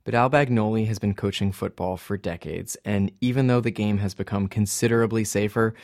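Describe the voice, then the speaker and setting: A man's voice: lowish voice, steady tone, a little fast, darkish tone, dry recording. A man in his forties narrating a reported documentary podcast in a dry, wry storytelling manner.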